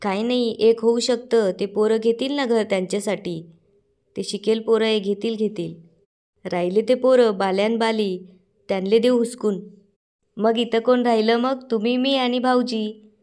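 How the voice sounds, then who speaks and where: A woman voicing a scheming, sharp-tongued middle-aged aunt with a bossy, scolding manner. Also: fairly high pitch, steady tone, moderate pace, natural voice.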